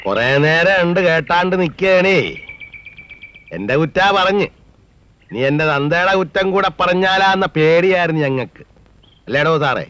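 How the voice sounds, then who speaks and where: A man's voice: high voice, lively intonation, normal speed, long pauses, a bit bright. An actor playing a middle-aged wealthy landlord and father, who talks down to others in a mocking, bossy way. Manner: mocking, domineering. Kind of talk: film dialogue.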